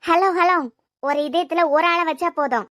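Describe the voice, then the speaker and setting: A sharp-tongued young cartoon wife with a Kanyakumari Tamil accent, voiced by a woman. Her voice is very high and squeaky and sounds dry and close. She fires back sarcastic comebacks. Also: moderate pace, dry recording. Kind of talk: cartoon voice acting.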